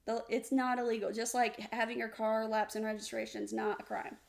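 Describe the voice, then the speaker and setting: A woman's voice: fairly high pitch, monotone, brisk, vocal fry. A woman co-hosting a podcast, in a casual debate, insisting on her point and explaining by analogy. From United States. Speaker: podcast co-host.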